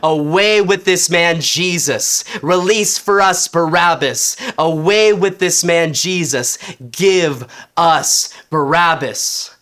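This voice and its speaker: Man acting a loud, taunting rebel outlaw in poetry. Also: a little high, expressive, takes it slowly, few pauses, full character voice. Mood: rabble-rousing. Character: defiant, mocking male rebel outlaw, riling up a crowd. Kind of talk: dramatic poetry reading.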